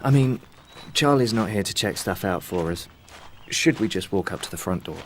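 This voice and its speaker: An actor playing an anxious, chatty, hapless man in an audio drama, with an excitable, comic, rambling manner. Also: lowish voice, normal speed, a little hiss or hum, close to an everyday voice. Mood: wistful, chatty.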